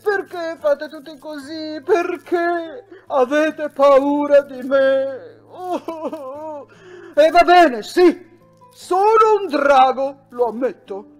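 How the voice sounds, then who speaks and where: Storybook dragon, woman actor, lonely and kind, booming, slowish and pleading, higher pitched than expected. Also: darkish tone, soft background music.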